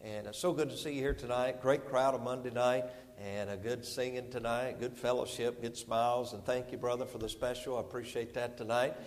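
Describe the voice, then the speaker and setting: A man's voice: medium pitch, steady tone, brisk, hardly any pauses, big-room sound. A middle-aged man with a North Carolina accent preaching as a visiting preacher, folksy and rambling with many fillers. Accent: North Carolina Southern. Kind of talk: sermon. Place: church sanctuary.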